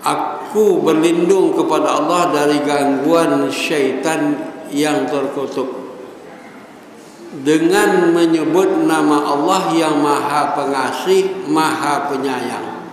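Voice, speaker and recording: Older male preacher, measured pace, long mosque reverb. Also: a little high, a little hiss or hum. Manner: chants Arabic verses, then jokes with the congregation. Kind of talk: Ramadan evening sermon. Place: large mosque hall. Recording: echoey mosque hall, faint ambience.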